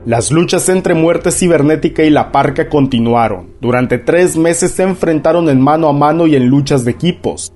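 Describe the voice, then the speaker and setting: A man's voice: fairly high pitch, darkish tone. A man delivering scripted narration as the narrator of a lucha libre documentary. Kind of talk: scripted narration recounting wrestling matches. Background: background music.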